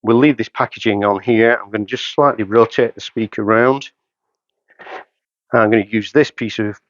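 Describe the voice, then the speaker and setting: In a carpeted indoor showroom, a hi-fi dealer in his fifties demonstrates setting up a product hands-on, talking in short, matter-of-fact phrases as he works step by step. His voice is mid-range, and the lo-fi recording has no room sound.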